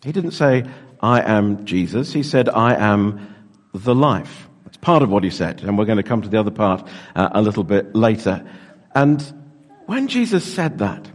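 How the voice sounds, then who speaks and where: Lively preacher in an echoing church. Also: male voice, lowish voice, fairly quick. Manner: lively, joking, engages the congregation. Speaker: pastor. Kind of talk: interactive sermon. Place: large church with long reverb. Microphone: handheld microphone. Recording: echoey church hall reverb.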